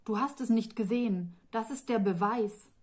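A woman's voice: on the high side, normal speed, darkish tone, close to an everyday voice. Neljina, a cool female dragon, read by a woman. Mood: matter-of-fact. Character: proud female dragon, calm and unbothered. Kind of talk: audiobook reading of a fantasy novel.

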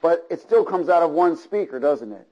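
A man preaches in church with lively intonation, a fairly high voice and a moderate pace, heard through lo-fi sound. His sermon features rhythmic repeated phrases and frequent call-and-response checks with the congregation.

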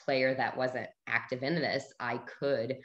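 This Bulgarian woman in her thirties is a guest on a video call, speaking earnestly and conversationally with plenty of fillers in a casual chat. Her voice is extremely low, steady in tone, and unhurried. Picked up by a webcam in a room at home, the audio sounds muffled.

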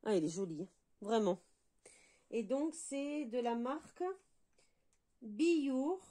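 Chatty middle-aged french woman unboxing beauty stuff, kinda high voice, lots of excited oohs. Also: takes it slowly. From France. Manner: chatty, enthusiastic exclamations. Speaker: beauty vlogger. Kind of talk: casual unboxing chat.

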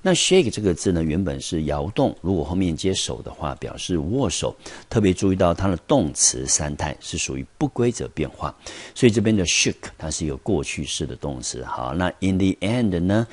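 A man teaching an English vocabulary lesson, explaining patiently and pausing on small fillers. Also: extremely low pitch, darkish tone, slightly rough, no echo. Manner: patient explaining, drawn-out pauses on "呢" and "好".

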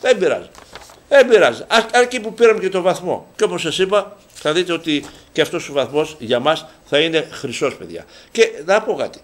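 A man's voice: a little high, very animated. A man hosting a local sports show, ranting about football refereeing, indignant and sarcastic, swearing and restarting his sentences. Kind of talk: heated football commentary monologue.

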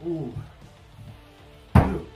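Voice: very slow, reverberant, over loud music. A person chatting casually and groaning through pained reactions while eating sour candy, with blunt exclamations. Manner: swearing, blunt. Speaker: challenge video participant.

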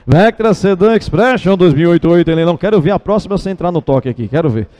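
A Brazilian man works as an auctioneer in a rhythmic auction chant. His voice sits a little high for a man and has a soft, mellow tone. He repeats figures in insistent, rolling runs as he calls for bids. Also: expressive, fast talker. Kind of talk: rapid, repetitive auction chant calling bids. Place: car auction with a live and online audience.

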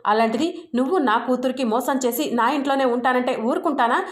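A woman's voice: high-pitched, quick pace, roomy sound, natural voice. A woman reading as a stern old grandmother. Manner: reads the lines in her own narrating voice.

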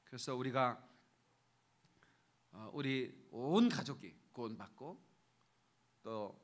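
A man's voice: mid-range voice, expressive, slow pace. A man, a pastor, preaching a sermon to his congregation in a church, talking casually and keeps asking for their agreement, with sudden raised bursts of emphasis. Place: church sanctuary.

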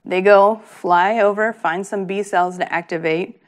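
A woman's voice: medium pitch, fairly even intonation, a little slow. A woman research scientist giving a patient, plain-spoken public lecture, with frequent ums.

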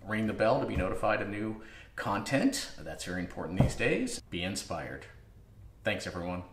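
Recorded on a camera mic in an echoey home garage workshop with loud background noise, this forties-aged woodworking host reviews tools casually. His voice sits lowish with big pitch swings at a moderate pace, and he thinks aloud, filling gaps with many fillers.

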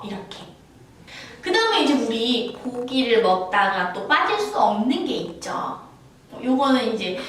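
A woman giving a casual language lesson, chatty and playful, acting out little scenes as she explains phrases. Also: on the high side. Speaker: Chinese language teacher. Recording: roomy, from a distance, faint background noise.

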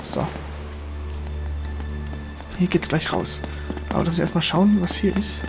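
A man giving excitable gameplay commentary, swearing at enemies and cheering himself on. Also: sits high, unhurried, vocal fry. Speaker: let's player. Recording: voice over game music and gunfire.

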